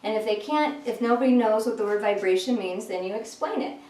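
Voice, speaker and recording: A woman's voice: medium pitch, brisk, a little mellow. A woman giving a simple, interactive science lesson to young children, encouraging them and stretching out key words in an exaggerated teacherly way. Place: small indoor room. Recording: echoey room, distant microphone.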